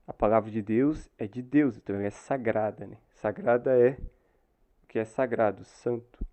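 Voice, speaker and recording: Speaking with a Brazilian Portuguese accent, this man teaches new converts the Bible at church, explaining things patiently and tagging lots of his phrases with "né?" His pitch is medium, and the audio sounds thin and tinny.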